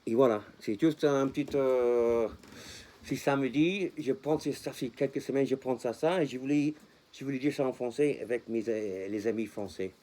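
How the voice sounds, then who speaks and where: A man's voice: medium pitch, normal speed, warm tone. A man vlogging casually to his viewers in French with a non-native accent, speaking passionately, repeating himself and dropping English words in. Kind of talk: casual talk to camera.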